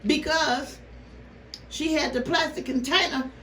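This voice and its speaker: A woman vlogger telling a story casually to her viewers, animated and exasperated, with rhetorical questions. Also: sits high, a little slow. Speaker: mukbang vlogger. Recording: roomy, noisy, distant microphone.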